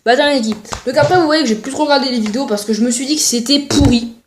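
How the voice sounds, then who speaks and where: Here the same kind of casual YouTube commentary comes fast and high-pitched from a young woman, with slight background noise. She makes fun of other channels, jokes around and promotes her own videos.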